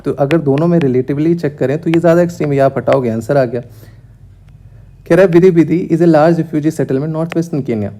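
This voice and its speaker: A young male teacher walks through exam questions in a brisk, direct manner, dropping English terms into his explanations. His voice sits a little high yet sounds mellow and relaxed. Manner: brisk, talks straight to students, mixes English terms into Hindi.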